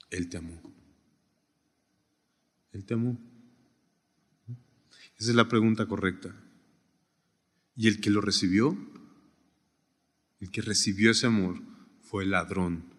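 Man preaching in a reverberant hall. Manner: animated preaching, rising high then dropping to a near hush. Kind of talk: sermon.

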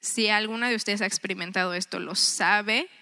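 A woman's voice: mid-range voice, fairly even intonation, fairly quick, bright, forceful tone. A woman in her thirties giving a chatty, earnest devotional talk to a women's group, often acting out her own thoughts. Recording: long reverb.

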